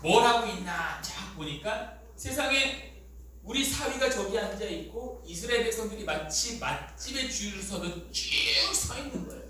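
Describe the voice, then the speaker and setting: An animated man preaching to middle schoolers and quizzing his listeners, his high, bright voice jumping widely. He is recorded from off the microphone in a very echoey church hall. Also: normal speed, far from the mic, a little hiss or hum. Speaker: youth pastor. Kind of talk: lively sermon for middle schoolers.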